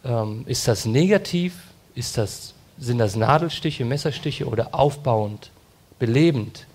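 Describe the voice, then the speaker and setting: A man's voice: mid-range voice, expressive, a little slow, darkish tone, breathy edge. A man preaching a sermon, talking earnestly and directly to his listeners, now and then acting out quoted phrases. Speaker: pastor.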